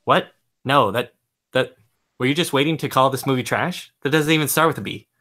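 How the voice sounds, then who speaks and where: A man's voice: mid-range voice, a little fast, pushed and bright. A young man hosting a casual movie podcast, upbeat and joking with his co-hosts. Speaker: podcast host.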